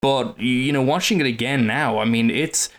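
A man's voice: medium pitch, moderate pace, fairly bright tone. A man co-hosting a casual film podcast, dry and wry, hesitating often with fillers. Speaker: podcast co-host.

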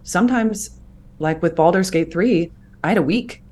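In an interview conversation, a woman in her thirties who works as a voice actor reflects sincerely on her craft in a lowish voice at a moderate pace. She becomes animated whenever she explains something.

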